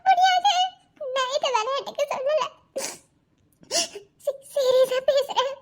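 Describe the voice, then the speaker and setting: A tearful, clingy young cartoon wife. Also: female voice, extremely high pitch, measured pace. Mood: tearful pleading. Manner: pleading, sobbing through her words. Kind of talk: animated cartoon voice acting.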